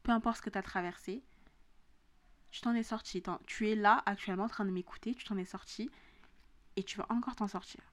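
A woman's voice: medium pitch, steady tone, brisk, pauses often. A young woman with a southern French accent, hosting a motivational podcast in a casual, slangy monologue and repeating phrases for emphasis. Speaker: podcast host.

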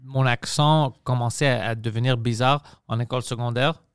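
A man from Montreal with a slight Greek accent, hosting a casual podcast chat in an animated, emphatic way. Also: medium pitch, normal speed, clean tone, no echo, studio quality. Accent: slight Greek accent in French. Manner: animated, emphatic, repeats himself. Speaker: podcast host.

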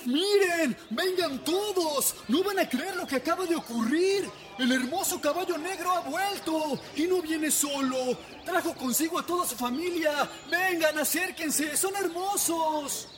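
A man doing an excited village boy. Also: extremely high pitch, unhurried, few pauses, background noise, voice pushed up. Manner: shouting, eager. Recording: clear music underneath.

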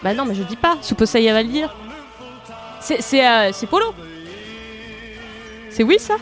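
A woman's voice: fairly high pitch, sing-song, unhurried, faint music behind. A woman on a casual radio chat, playful and self-mocking.

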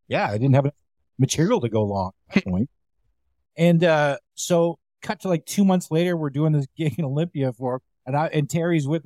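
A man's voice: a little high, darkish tone, no echo, clean studio sound. Man telling a comedy-club story. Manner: storytelling, acts out other people's voices. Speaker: comedian guest. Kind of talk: casual chat, anecdote.

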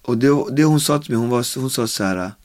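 A man's voice: mid-range voice, no room sound, studio quality. En man i fyrtioårsåldern från Karibien som berättar sin historia i en intervju, livligt och med många utfyllnadsord. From Caribbean. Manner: animated retelling with acted quotes and many fillers. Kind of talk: casual storytelling. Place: home with dogs.

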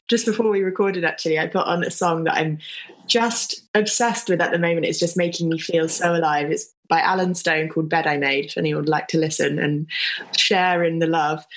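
A woman, a podcast host and yoga teacher, chatting in an expressive, open way. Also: on the low side, poor audio. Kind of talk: casual chat.

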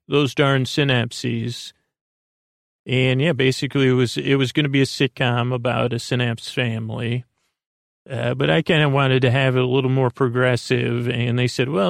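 A creaky-voiced man of medium pitch hosts a sleep podcast, drifting through a meandering, halting monologue and often cutting himself off. The recording is studio quality with no room sound.

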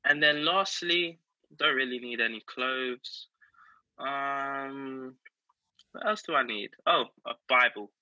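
A man with a South London accent talks casually as an interview guest. His voice is very bright and forceful, at a middle pitch, captured close and dry. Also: takes it slowly, no echo, highs cut off. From South London, England. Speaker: podcast guest.

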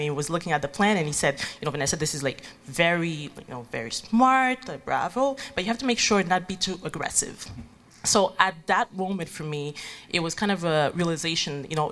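A woman in her thirties from Haiti, a guest entrepreneur telling her story in a relaxed interview, with many ums and likes. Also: sits low. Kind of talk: conversational interview.

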